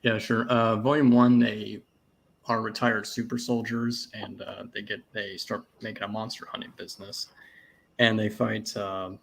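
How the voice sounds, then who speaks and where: A man guesting on a podcast, talking in a deadpan monotone with dry humor. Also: fairly low pitch, moderate pace, creaky, husky. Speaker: guest writer. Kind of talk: casual chat.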